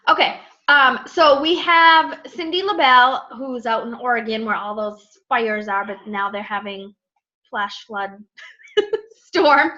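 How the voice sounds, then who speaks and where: A woman's voice: a little high, a little slow, sharp tone. A woman hosting an online group call in a casual, informal, emphatic way with loosely wandering sentences. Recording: muffled lo-fi online call audio.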